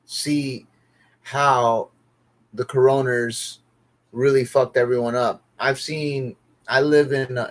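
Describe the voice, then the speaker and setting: A man streaming alone as a comedian, griping in a profane, repetitive, exasperated way. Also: mid-range voice. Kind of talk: casual livestream rant.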